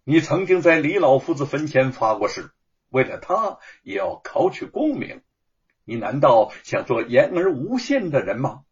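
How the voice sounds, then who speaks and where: A man voicing Li Chunfang, a frank, earnest young male scholar in a told story, speaking persuasively and a little louder than his narration. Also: fairly high pitch, big pitch swings, normal speed, breathy edge, dull audio, heavily acted.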